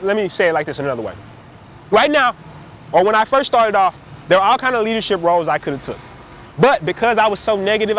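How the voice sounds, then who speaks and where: A man giving an emphatic, animated motivational talk straight to camera. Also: slight background noise. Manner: animated, emphatic, swings between high and low. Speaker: motivational speaker.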